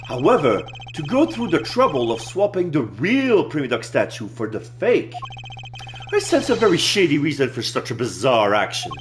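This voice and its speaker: A man's voice: a little high, huge pitch swings, normal speed, a little hiss or hum. A man playing a video game, reading its dialogue aloud and commenting as he goes.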